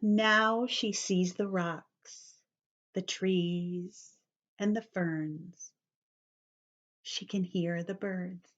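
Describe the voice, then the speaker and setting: This reader speaks extremely slowly in a lowish, steady tone as she shares a picture book with young children. Words get explained along the way, she sometimes whispers, and the audio is lo-fi.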